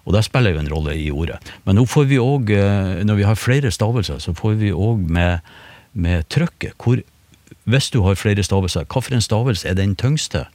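A man on a radio panel, explaining language points patiently and often pausing with fillers and restarts. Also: on the low side, expressive, a little mellow, no echo. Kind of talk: explaining on a radio talk show. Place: radio studio.

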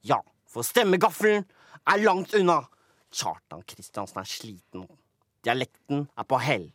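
A man, a comedy show host, giving theatrical mock-dramatic documentary narration that swings between booming and hushed. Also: big pitch swings, no echo, clean studio sound.

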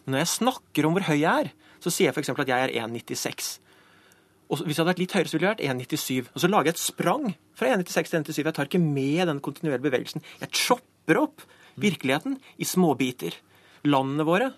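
A man's voice: on the high side, dry recording. A male guest in a studio news interview, explaining mathematics playfully through everyday examples. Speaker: studio guest, science communicator.

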